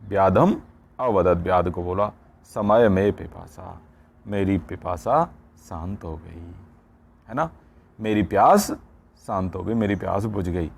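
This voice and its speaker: Low-voiced man teaching Sanskrit grammar. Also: slow, vocal fry, pauses often, slightly rough. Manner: repeats words and checks in with "ठीक है". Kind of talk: explaining a textbook lesson line by line.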